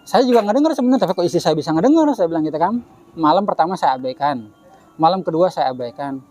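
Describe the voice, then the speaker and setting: A man's voice: on the high side, expressive, a little mellow. A man telling a personal supernatural story in casual chat, acting out the quoted voices and drawing out prayer phrases. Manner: acts out quoted voices, many "kata saya gitu" tags; chants prayer phrases slowly. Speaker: guest storyteller.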